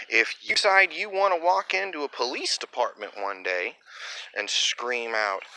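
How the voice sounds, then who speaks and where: Slow, blunt man ranting. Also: mid-range voice, sharp tone, a little hiss or hum, poor audio. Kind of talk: opinion monologue.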